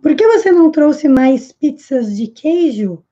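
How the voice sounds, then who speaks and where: Woman, Brazilian Portuguese accent, English teacher, high pitch, didactic, repeats phrases slowly, slightly muffled audio. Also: lively intonation, warm tone. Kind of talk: language lesson.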